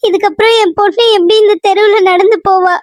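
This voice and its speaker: A woman's voice: very high voice, fairly even intonation, normal speed, dry recording, studio quality. A woman doing a wailing, grieving village mother. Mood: tearful. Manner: sobbing, repetitive lament. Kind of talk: cartoon serial voice acting.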